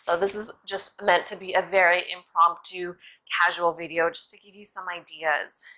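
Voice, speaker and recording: Young woman, bright forward voice, casual yoga-teacher delivery, encouraging and informal, for an instructional demo. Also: on the low side, little pitch movement, moderate pace, rough recording.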